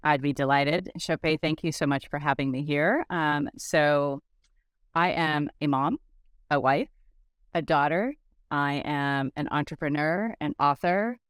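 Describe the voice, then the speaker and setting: A woman's voice: sits low, unhurried, smooth, no room sound, clean studio sound. Upbeat woman in her fifties. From Nigeria. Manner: upbeat, lively, with fillers. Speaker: guest, business founder. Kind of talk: interview conversation.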